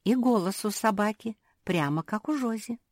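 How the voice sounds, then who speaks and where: A woman's voice: mid-range voice, lively intonation, moderate pace, no room sound, studio quality, pitched above the performer's own voice, lightly acted. A woman voicing a clever, bossy pug sister who explains matter-of-factly and makes demands.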